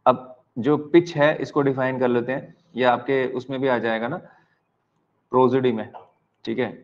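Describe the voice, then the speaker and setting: A man with an Indian accent gives an exam-prep lecture, mixing Hindi and English as he dictates slowly, repeats key lines and spells words out letter by letter. His mid-range voice holds a steady tone, and the audio sounds dull.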